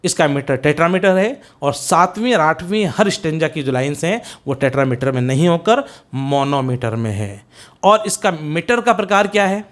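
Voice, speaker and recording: A man's voice: a little high, animated, moderate pace, a bit bright. A man with an Indian accent teaching English poetry for an exam, speaking Hindi mixed with English, counting lines aloud and repeating key points.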